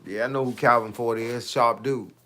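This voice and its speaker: Steady in tone and moderate in pace, this fitness coach in his late fifties has a medium-pitched voice that sounds pushed and bright. He chats casually on his livestream, slangy and talkative, countering viewers' comments with rhetorical questions.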